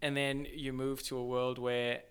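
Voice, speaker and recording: A young man from Zimbabwe raised in Australia, chatting as a guest in a thoughtful, halting way. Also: mid-range voice, flat delivery, a bit bright, clean tone. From born in Zimbabwe, raised in Australia. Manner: thoughtful, halting, many restarts. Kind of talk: casual podcast chat.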